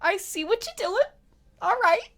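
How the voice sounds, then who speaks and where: Excitable woman streamer, high voice, pitch jumping all over. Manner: excitable, reacts loudly with quick repeats. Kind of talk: casual game playthrough commentary.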